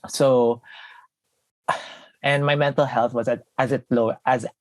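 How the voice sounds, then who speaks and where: A man's voice: medium pitch, steady tone, slow, dry recording. A young man from the Philippines, a podcast guest talking earnestly about his life with many fillers and restarts. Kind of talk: casual interview talk.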